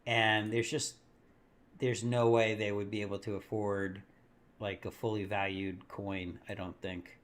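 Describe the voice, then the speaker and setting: A man's voice: fairly low pitch, little pitch movement, measured pace, a little hiss or hum. A man hosting a casual live market stream, rambling and thinking aloud, correcting himself as he goes and laughing often.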